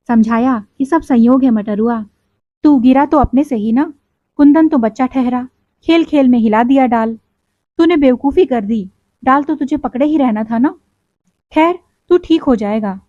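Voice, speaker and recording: A woman's voice: high voice, no room sound. A woman narrating a story in the first person as a boy, giving voice to the other characters. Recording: tinny, phone-like, dry sound.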